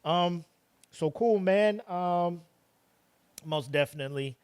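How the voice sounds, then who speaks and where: A man co-hosting a podcast in casual chat, animated and sarcastic, full of slang. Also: high-pitched, takes it slowly, smooth, no room sound. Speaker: podcast co-host.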